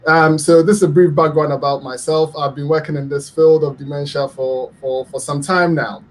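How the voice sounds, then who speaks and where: On a radio health talk, a middle-aged man from Ghana serves as the guest expert, speaking at a moderate pace with fairly even intonation. His voice is somewhat high for a male, and his earnest explanations are full of ums and false starts.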